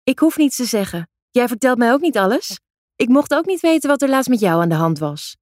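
A woman's voice: fairly high pitch, sing-song, a little fast, no echo, studio quality, voice pushed up. A woman voicing a sulky teenage girl who snaps back defiantly at her mother. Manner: snapping, defiant.

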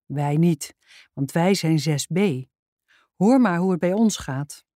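A woman's voice: fairly low pitch, lively intonation, slow pace, warm tone, no room sound, clean studio sound. A woman voicing a cheerful, joking young male schoolteacher in a children's storybook. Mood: playful. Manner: playful, chatty. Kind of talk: reading a children's book aloud.

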